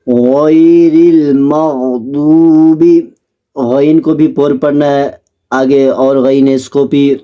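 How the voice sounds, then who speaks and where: A man with a Pakistani Urdu accent teaching Quran recitation, explaining pronunciation rules quickly and then reciting the verses slowly and melodically. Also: medium pitch, dull audio. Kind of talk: recitation lesson.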